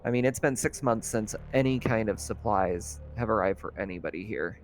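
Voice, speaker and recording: A man with a fairly low voice speaks at a moderate pace, game-mastering a tabletop roleplaying session. His narration is casual, conversational and improvised, with music playing beneath him.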